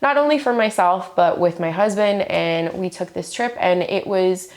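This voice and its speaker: Speaking at a normal pace in a lowish voice, this thirties-aged book vlogger chats casually and with gushing enthusiasm about the books she's read. She's still getting over the flu.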